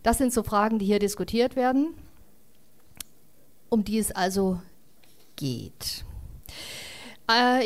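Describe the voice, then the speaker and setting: Chatty woman reading a story aloud. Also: fairly high pitch. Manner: chatty, relaxed, with frequent fillers. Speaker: reader. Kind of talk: casual reading aloud to an audience.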